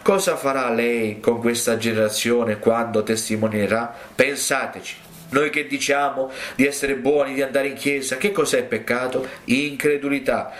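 A man's voice: medium pitch, fairly even intonation, normal speed, a bit bright. A male preacher delivering a fervent, exhorting sermon to his congregation. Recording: roomy echo.

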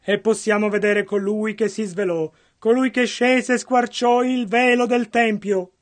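Interpreting a preacher's sermon line by line, this man speaks in short, earnest stretches that follow the original closely. His voice is unusually high for a man, yet his intonation stays fairly even and his pace unhurried.

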